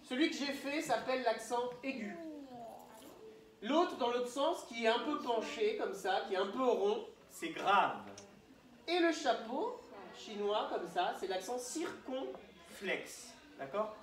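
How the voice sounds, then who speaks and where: A woman's voice: a little high, animated, takes it slowly. Patient woman teaching young children. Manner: patient, questioning, encouraging children. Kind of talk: classroom teaching. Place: classroom. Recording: echoey classroom, from far off.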